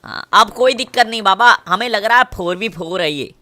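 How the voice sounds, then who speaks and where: A man with a Kanpur Hindi accent commentating his mobile gameplay, with swaggering, crude trash talk and shouts at enemies. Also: sits high, a little fast, no room sound. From Kanpur, India. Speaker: mobile gamer.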